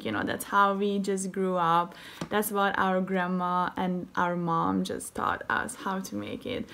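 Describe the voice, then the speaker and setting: A woman's voice: mid-range voice, fairly bright tone. Young Hungarian-accented woman, cooking vlogger, chatty and enthusiastic, faint noise in a home kitchen. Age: young adult. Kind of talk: casual cooking tutorial.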